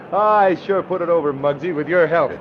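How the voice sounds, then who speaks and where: In 1940s old radio crime drama style, a male actor with a slightly high voice plays a cocky, hard-boiled escaped convict gangster, sneering and vengeful, using tough slangy talk and chuckling. The old radio recording sounds muffled and hissy.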